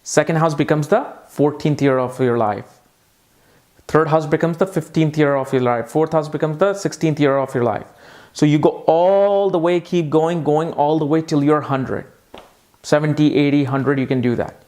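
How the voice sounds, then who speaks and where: A man explaining a lesson with eager emphasis, his voice sitting a little on the high side. He repeats key points to drive them home. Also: moderate pace, a little mellow. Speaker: astrology teacher.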